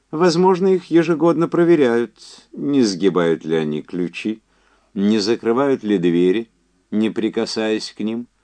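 A male narrator putting on a sardonic middle-aged man talking on the phone, his voice pitched well above the reader's own low register and pushed louder. He drops hints with bitter irony, lingering on each insinuation. An audiobook character voice.

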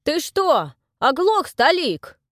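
A woman's voice: mid-range voice, moderate pace, no echo, studio quality, lightly acted. A woman reading an audiobook, voicing a rude male thug who barks his lines and burrs his r's. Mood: barking. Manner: barking, rolls his r's poorly.

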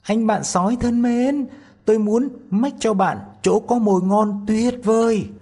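A man voicing a tiny, bold and mischievous boy no bigger than a thumb, shouting loudly. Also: high-pitched, measured pace, pitched above the performer's own voice. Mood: coaxing.

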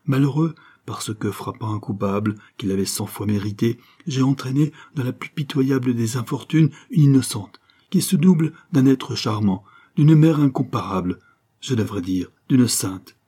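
A man's voice: mid-range voice, normal speed, warm tone, breathy edge, lightly acted. A man reading an audiobook, voicing a torn young avenger who speaks to his mother in an earnest, solemn, pleading way. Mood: anguished. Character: anguished young avenger son, torn by conscience. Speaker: audiobook reader.

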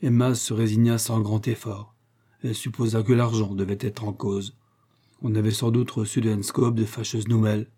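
A man's voice: mid-range voice, warm tone, husky. A man reading a classic novel aloud as narrator, giving the characters a slightly raised voice. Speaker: audiobook reader.

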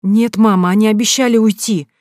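A woman's voice: medium pitch, fairly even intonation, a little fast, a little mellow, no echo, studio quality, voice pushed up, natural voice. A woman reading an audiobook, voicing a stubborn young village woman who pleads and argues in a raised voice. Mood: pleading.

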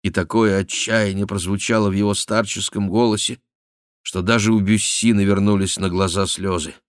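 Low dude reading a novel aloud, steady and even, dry. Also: male voice, moderate pace, clean tone, no echo. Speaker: audiobook narrator. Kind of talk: scripted narration.

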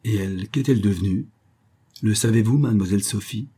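A shy, stammering young teen boy asking eager questions, read by a man in a low, husky storybook voice. The sound stays dark and soft. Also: brisk. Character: shy, contrite thirteen-year-old boy. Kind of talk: audiobook reading.

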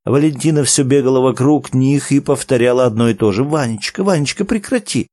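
Man calmly narrating a story. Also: medium pitch, quick pace, no room sound. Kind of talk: audiobook narration.

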